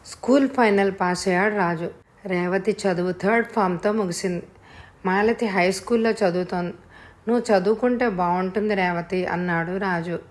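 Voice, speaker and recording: A woman narrator reading a family novel aloud in a steady storytelling way. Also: mid-range voice, normal speed.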